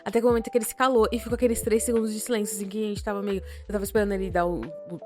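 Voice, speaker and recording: On a podcast, a young Brazilian woman who co-hosts the show tells a story in a casual, animated way, full of slang and swearing. Her voice sits at a middle pitch, and her volume swings quickly up and down as she gets caught up in the tale. Faint music plays softly in the background.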